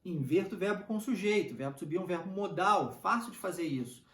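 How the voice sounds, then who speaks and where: A man with a Brazilian Portuguese accent teaching English grammar in a casual lesson, patiently explaining and slowly repeating example phrases. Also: high-pitched, animated, fairly bright tone, echoey room, recorded from a distance.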